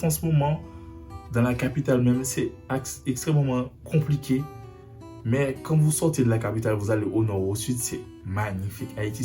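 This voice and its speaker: A man's voice: medium pitch, mellow. A young man from Haiti speaking earnestly to camera in a personal video message, often repeating himself to drive his point home. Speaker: vlogger. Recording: faint guitar music behind.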